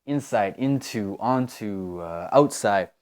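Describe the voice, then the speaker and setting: Slow, hesitant man teaching. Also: on the low side, lively intonation. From United States. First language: English. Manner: unhurried, hesitant, with many fillers and repeated words. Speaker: English teacher. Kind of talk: language lesson explaining grammar.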